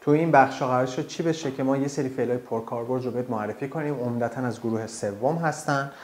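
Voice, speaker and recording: A man teaching a language lesson, talking informally to the learner and drawing out words slowly for the learner to repeat. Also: mid-range voice, a little mellow. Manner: slow drawn-out model pronunciation, direct and informal. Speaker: French teacher.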